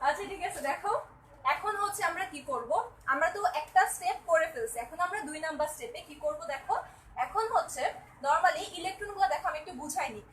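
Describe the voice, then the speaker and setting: A woman's voice: very high-pitched, expressive, fast, fairly bright tone, reverberant, recorded from a distance, slight background noise, rough recording. A young woman teaching a chemistry class live online, repeating each step and often asking whether the students follow.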